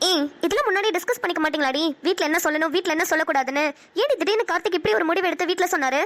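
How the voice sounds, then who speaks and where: A woman's voice: extremely high pitch, racing, a bit bright. A woman voicing a young woman in a cartoon who scolds and reassures her friend. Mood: scolding. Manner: scolding, then soothing.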